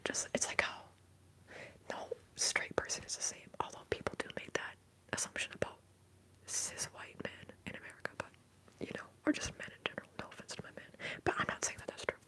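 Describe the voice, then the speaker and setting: A woman whispering softly and breathily as she hosts an ASMR livestream, chatting in a candid, informal, rambling way. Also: brisk, poor audio. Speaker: livestream host.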